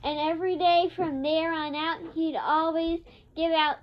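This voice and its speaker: Slow, high-voiced casual storyteller woman. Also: level tone, lo-fi sound. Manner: chatty, rambling, with fillers and asides.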